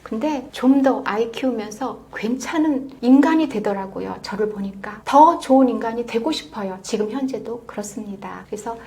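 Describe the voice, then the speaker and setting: A woman giving parenting advice on a talk show, emphatic, swinging from loud stresses to hushed near-whispers. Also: on the high side, normal speed, hardly any pauses. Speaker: parenting expert guest.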